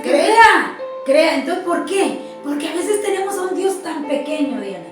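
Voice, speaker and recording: A woman in a church talk, telling testimonies with animated storytelling and repeating words for emphasis. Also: very high voice, moderate pace. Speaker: church speaker. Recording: echoey room, distant mic, soft music.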